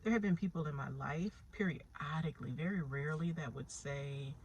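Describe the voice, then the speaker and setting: A woman's voice: low-pitched, moderate pace, a little mellow, a little hiss or hum, rough recording. Candid woman reflecting on her own story. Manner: candid, reflective, with small laughs and restarts. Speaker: vlogger sharing her therapy story. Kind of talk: personal storytelling.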